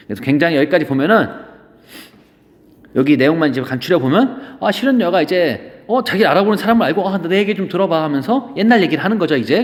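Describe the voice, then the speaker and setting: A man's voice: sits high, in a large hall. A male literature teacher giving a lesson, explaining an old poem through playful, casual modern paraphrases. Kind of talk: classroom-style lecture.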